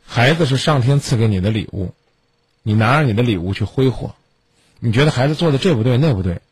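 Guy hosting a call-in advice show, gruff husky voice, scolding the caller hard, pitch all over the place. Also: expressive, quick pace, dry recording. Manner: stern, scolding lecture with pointed questions. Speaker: radio call-in advice host.

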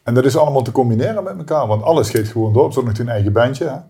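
A man's voice: medium pitch, animated, very fast, dark tone. A man with a Limburg Dutch accent, hosting a casual podcast interview. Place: venue dressing room.

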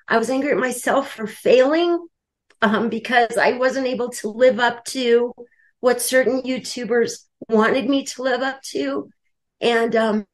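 Woman guest, candid, emotional, fairly high voice, many fillers. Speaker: coaching client and guest. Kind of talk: candid personal testimony.

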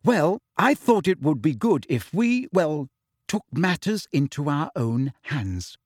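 A man's voice: on the high side, very animated, slow pace, darkish tone, dry recording, clean studio sound, pitched above the performer's own voice, heavily acted. A man voicing a nervous, earnest teenage girl who fumbles with fillers and then speaks firmly.

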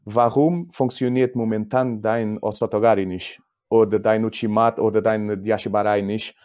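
Speaking German as a non-native with a Portuguese accent, this judo coach gives casual interview answers, halting, hunting for words and repeating himself. His voice is on the low side, steady and mellow.

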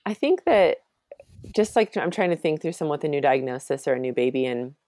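A woman's voice: low voice, expressive, brisk, dark tone, no room sound, studio quality. A woman in her thirties, a mother raising two children with Down syndrome, speaking as a guest in an interview in an earnest, reassuring way with many fillers. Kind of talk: conversational interview.

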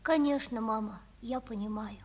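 A woman's voice: fairly high pitch, moderate pace, darkish tone, slightly rough. A woman playing an earnest, wistful seven-year-old boy in a 1950s Soviet radio play, with childlike, pleading eagerness. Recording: 1950s radio drama recording.

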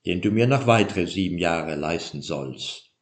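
A man's voice: low voice, lively intonation, unhurried. A man voicing a sly older father-in-law who lectures in a pompous, scolding way. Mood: lecturing. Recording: roomy echo.

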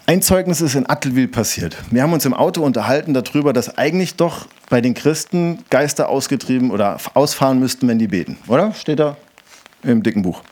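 A man's voice: mid-range voice, brisk. A man preaching a sermon in German, telling stories with energy and acting out the voices of the people he quotes. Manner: animated storytelling, acts out quoted voices.

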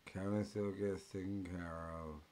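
A man ranting in mocking commentary as the host, full of profanity and loud mimicking bursts. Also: deep voice, fairly even intonation, a little slow.

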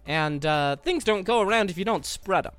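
A man's voice: high voice, animated, normal speed, a bit bright, clear, resonant tone, no echo, soft background music. A man co-hosting a podcast with wry, wordy, mock-formal storytelling, under the weather with a scratchy throat. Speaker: podcast co-host. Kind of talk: casual comic storytelling on a podcast.

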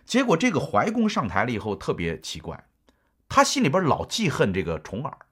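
Husky middle-aged man telling history. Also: medium pitch, wildly swooping pitch, a little fast, a bit bright. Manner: chatty, asks the listener rhetorical questions. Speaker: history lecturer. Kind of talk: casual storytelling lecture.

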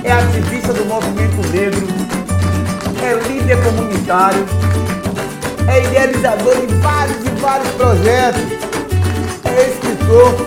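A man hosting a podcast, opening with a hyped, shouty announcer delivery. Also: extremely high pitch, unhurried, pauses often, echoey room, over loud music. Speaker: podcast host. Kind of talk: energetic podcast intro.

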